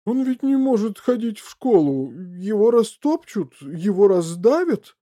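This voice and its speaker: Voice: medium pitch, very animated, a little slow, dark tone, voice pushed up. A reader voicing a gloomy, irritable middle-aged father in an audiobook. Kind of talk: audiobook character reading.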